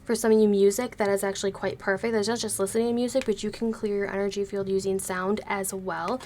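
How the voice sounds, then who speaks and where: A woman reading tarot cards for her viewers in a casual, unhurried way, her voice a little hoarse from being sick, speaking slowly and gently to spare it. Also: mid-range voice, little pitch movement, slight background noise. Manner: slow, gentle, careful with her voice. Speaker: tarot reader.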